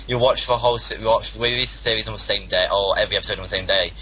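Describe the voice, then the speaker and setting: A man's voice: lowish voice, steady tone, very fast, bright, forceful tone, a little hiss or hum, low-quality recording. A young man co-hosting a casual podcast, chatting with enthusiasm, repeating himself and swearing casually. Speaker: podcast co-host.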